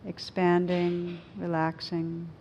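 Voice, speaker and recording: A woman speaking as a meditation teacher, in a gentle, unhurried way with frequent pauses, as in a reflective talk or guided practice. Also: completely flat delivery, dull audio. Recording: clear low rumbling background noise.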